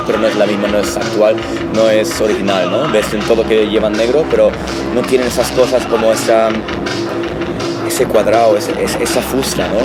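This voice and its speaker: A man from Italy talks through an interview, his thoughts coming in halting pieces and restarts, often ending with a questioning tag. His voice sits a little low. Loud music plays steadily behind him. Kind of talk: casual interview answers.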